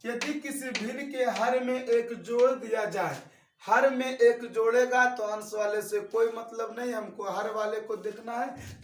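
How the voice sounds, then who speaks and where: In his twenties, a man with a strikingly high, fairly bright voice gives a classroom-style math lesson. He repeats every step and keeps asking his students questions. He stands well back from the mic in a roomy, echoing space, so the recording sounds distant.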